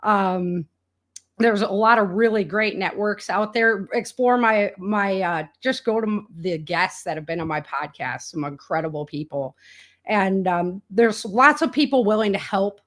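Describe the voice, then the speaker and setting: Unhurried and fairly bright, her mid-range voice carries a relaxed, spontaneous interview. As a guest who is an author and podcaster on survival prepping, she speaks colloquially and emphatically, voicing what others have said.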